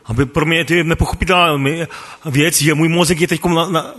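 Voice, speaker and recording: Man with a husky voice giving a halting testimony. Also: fairly high pitch, steady tone, a bit bright, long reverb tail. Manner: halting, stammering restarts and frequent chuckles. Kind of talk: personal faith testimony.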